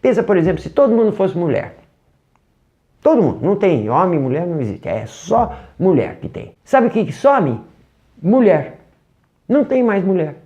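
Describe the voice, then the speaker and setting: A man's voice: sits high, big pitch swings, moderate pace, mellow, dull audio. A man teaching an online English course, asking rhetorical questions and answering them himself. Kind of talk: online language lesson.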